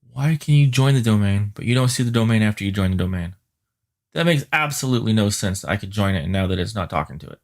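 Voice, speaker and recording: An IT instructor teaching a live-streamed class talks fast in a fairly low, animated voice. He mutters and grumbles at the computer, reading out network addresses as he types them.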